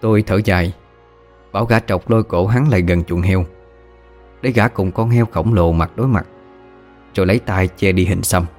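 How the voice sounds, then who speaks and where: Deep-voiced story narrator. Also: male voice, normal speed, long pauses, faint music behind. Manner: steady, storytelling. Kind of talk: first-person audio story narration.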